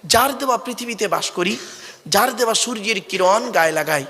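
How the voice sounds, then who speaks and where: A man's voice: high-pitched, animated, moderate pace, big-room sound. A man preaching a Bengali waz sermon to a crowd, calling them "father", asking them to answer back and drilling correct Arabic pronunciation. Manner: calls the crowd "bap" and "baba", asks it to answer back; rhetorical questions, rising to shouted lines.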